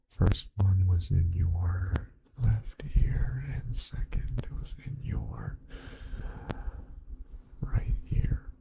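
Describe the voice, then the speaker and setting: A young man whispering softly and patiently through an ASMR hearing test roleplay, giving step-by-step instructions and quiet praise. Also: deep voice, gravelly, rough recording.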